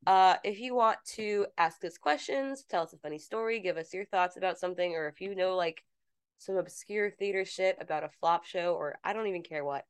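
A woman's voice: on the low side, a little fast, clean tone, dry recording, studio quality. A woman co-hosting a podcast in casual, teasing chat. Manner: chatty, teasing, reads bits aloud. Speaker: podcast co-host.

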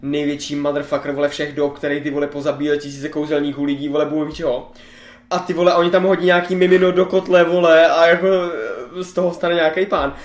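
Czech dude ranting about movies, swears a ton, bit high voice, roomy. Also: male voice. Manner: excitable, swears a lot. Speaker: podcast co-host. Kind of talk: casual film chat. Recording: roomy echo.

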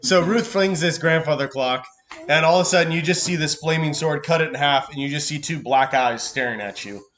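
A man's voice: fairly high pitch, a little fast, fairly bright tone, echoey room. A man running a tabletop game as game master, who explains the rulings plainly and laughs often.

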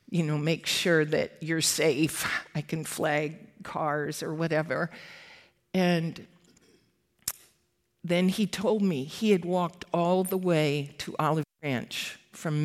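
A ministry worker giving an update, telling a personal faith story in an earnest, reflective way. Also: medium pitch.

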